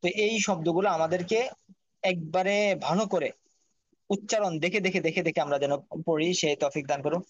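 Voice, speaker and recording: Man spelling out syllables in a slow, methodical lesson. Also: fairly high pitch, no room sound. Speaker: Quran recitation teacher. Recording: dry, dull lo-fi sound.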